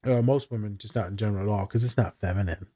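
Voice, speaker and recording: A man's voice: on the low side, fast, dark tone. A man co-hosting a podcast as a therapist, telling stories casually in candid, slangy, joking talk with plenty of swearing. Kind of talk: casual podcast chat, storytelling.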